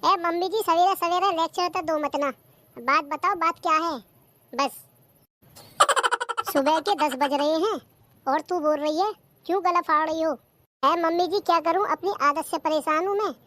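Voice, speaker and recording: A performer voicing a cheeky, lazy young daughter-in-law who talks back, in a cartoon comedy. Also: female voice, extremely high pitch, moderate pace, long pauses, fairly bright tone, dry recording. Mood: sassy.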